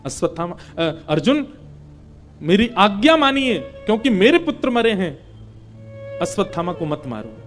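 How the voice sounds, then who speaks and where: A man's voice: high voice, big pitch swings, normal speed, long pauses, faint music behind. A man voicing a grieving mother and queen who pleads for her enemy's life in a devotional story. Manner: pleading, sorrowful.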